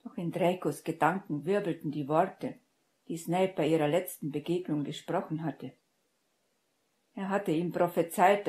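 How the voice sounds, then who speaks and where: A woman reading a fan-fiction audiobook aloud as narrator, in a steady, measured way. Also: low-pitched. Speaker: audiobook reader.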